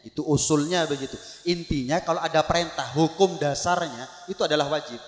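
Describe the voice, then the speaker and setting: A man preaches a sermon in a high voice, acting out calls and replies as he tells his stories. His voice rings through a roomy hall with a long echo. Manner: animated storytelling, acts out shouted calls. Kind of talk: religious sermon. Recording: echoey hall with long reverb.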